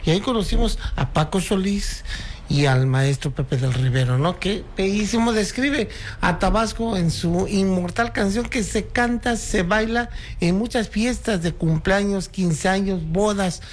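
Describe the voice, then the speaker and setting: A man's voice: high voice, measured pace, slight background noise. A man in his sixties from Oaxaca with a Mexican accent, telling stories and reciting verses as a guest on a chat show. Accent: Mexican Spanish. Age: 60s. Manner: proud, storytelling, recites verses. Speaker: guest, cultural promoter. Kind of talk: casual radio chat.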